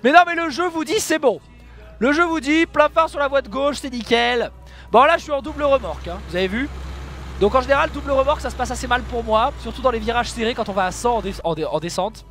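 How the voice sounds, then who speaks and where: A man with a high voice that jumps all over the place chats through his gameplay for his viewers. He yelps at near-misses and makes joking, self-mocking remarks about his own blunders. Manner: excitable, exclaiming and laughing at his own mistakes. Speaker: video game streamer. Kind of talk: casual gameplay commentary.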